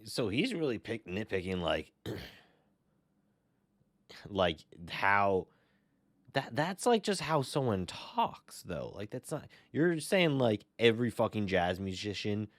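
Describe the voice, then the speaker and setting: A man reacting to a video in loose, rambling casual chat, full of "like" and the odd curse. His voice sits fairly low but shoots up when he's incredulous. The sound is dry and close, with no room around it. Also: very animated, slow, no echo. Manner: rambling, filler-heavy, swears freely; rises to high incredulous pitch when riled.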